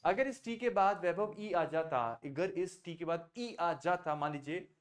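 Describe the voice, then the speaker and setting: A man with a slightly high, expressive voice teaches French pronunciation in an online class. He explains the sounds slowly and patiently, mixing Hindi with English and coaxing students to repeat after him.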